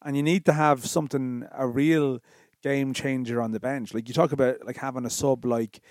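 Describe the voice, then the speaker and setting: A man's voice: medium pitch, fairly even intonation, moderate pace, darkish tone, dry recording, clean studio sound. An Irish man hosting a casual sports podcast, chatting in a bantering, teasing way. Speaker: podcast host.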